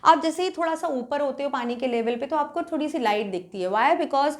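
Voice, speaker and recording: A woman teacher with an Indian accent, explaining an English story in Hindi and reading the English passages slowly and carefully. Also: high-pitched, lively intonation. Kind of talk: bilingual literature lesson.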